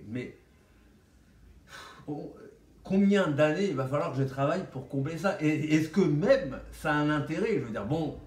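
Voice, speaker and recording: This man's voice is a little high and a little mellow, expressive at a moderate pace with frequent pauses. He has a slight lisp with whistled S sounds and rambles bluntly in casual slang, like a vlogger doing a monologue. The mic is distant, giving a roomy echo.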